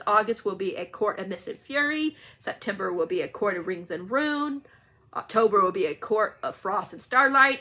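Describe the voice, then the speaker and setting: A woman running a book read-along talks casually and without a script, wandering off and fixing her own words as she goes. She has a mid-range, bright voice with a forceful tone.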